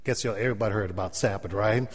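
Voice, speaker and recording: A man's voice: fairly low pitch, racing, breathy edge. A middle-aged man with a South Carolina Gullah Geechee accent preaches in an anecdotal, humorous way, repeating phrases and calling for amens. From South Carolina, United States. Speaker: preacher, church elder. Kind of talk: sermon to a congregation, humorous and anecdotal. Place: large indoor hall, speaking to an audience. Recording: echoey hall with long reverb.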